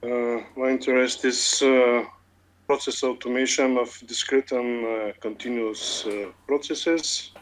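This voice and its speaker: A man in his forties from Bulgaria with a Bulgarian accent, an automation engineering lead speaking in a casual online meeting, hesitant with many filler pauses. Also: mid-range voice, steady tone, poor audio. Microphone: computer mic on a video call.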